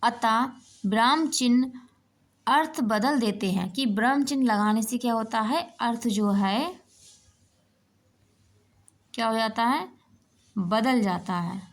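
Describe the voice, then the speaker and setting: A woman's voice: fairly high pitch, slow, long pauses. A woman teacher explaining an exam-prep lesson while writing on a board, checking in with "ठीक है" and asking herself rhetorical questions. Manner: explanatory, repeats "ठीक है" and asks rhetorical "क्या है"; writes on a board while talking.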